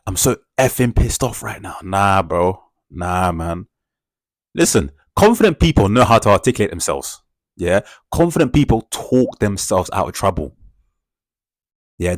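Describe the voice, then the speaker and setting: Man, very low voice, dry close sound, motivational talk, emphatic, repetitive. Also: no room sound. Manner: emphatic, repetitive, peppered with "yeah" and "bro". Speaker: self-improvement speaker.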